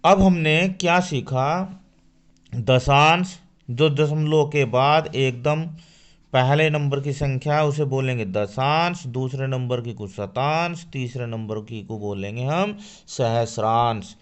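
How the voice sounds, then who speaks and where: Slow, clear-voiced male maths teacher. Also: medium pitch. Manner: asks questions and answers them himself; addresses children directly. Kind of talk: classroom maths lesson.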